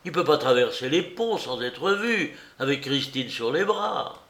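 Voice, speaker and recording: A man reading aloud voices an agitated male watchmaker hunting a fugitive, urgent and shouting. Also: on the high side, lively intonation, normal speed, pitched above the performer's own voice. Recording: roomy echo.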